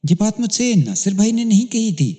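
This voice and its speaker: A man's voice: sits high, animated, warm tone, in a large hall, pitched above the performer's own voice. A man voicing an innocent, earnest eight-year-old boy with a raised, eager voice in a read-aloud crime story. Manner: eager, naive replies.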